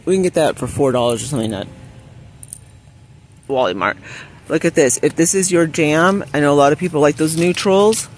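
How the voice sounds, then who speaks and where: A man's voice: fairly high pitch, lively intonation, brisk, pauses often, slight background noise. A man vlogging as he shops. He gushes over items and reads out prices and deals while walking a store aisle, filming on a handheld phone. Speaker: shopping vlogger. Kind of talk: shop-with-me vlog narration. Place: aisle of a discount store, indoors. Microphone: handheld phone camera.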